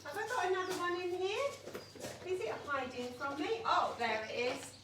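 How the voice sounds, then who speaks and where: A woman's voice: extremely high pitch, very animated, normal speed. A woman hosting a toddler session, teaching a child to count with simple prompts and encouraging questions. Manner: speaks directly to young children, with encouraging questions. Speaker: children's singalong host. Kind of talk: live toddler singing and craft session. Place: indoors at home. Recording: echoey room, distant mic, faint noise.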